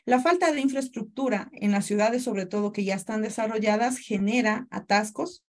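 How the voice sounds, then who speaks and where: A woman's voice: a little high, moderate pace. A woman from Ecuador in her thirties presents a webinar over a video call, speaking courteously and explaining step by step. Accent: Ecuadorian Spanish. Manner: courteous, greets attendees by name, explanatory. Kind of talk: online presentation.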